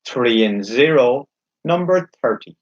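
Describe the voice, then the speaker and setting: A man's voice: medium pitch, expressive. Male bingo caller, dull lo-fi sound. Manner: measured, repeats each number clearly in a set formula. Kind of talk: bingo calling, announcing numbers digit by digit with traditional nicknames.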